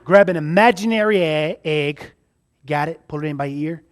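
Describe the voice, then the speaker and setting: A man from Mississippi with a Southern US accent speaks at a moderate pace in a fairly high voice. He's a stage magician working with a child volunteer, delivering showy, jokey kids' magic show patter like a party magician while coaching the child.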